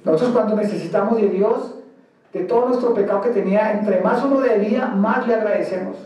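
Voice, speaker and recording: A man from Colombia preaches a fervent sermon as pastor, his voice set unusually high. The sound rings through a big reverberant church hall, picked up from well away from the microphone. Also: brisk, darkish tone. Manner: emphatic preaching, acts out quoted believers. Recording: very echoey church hall, mic far.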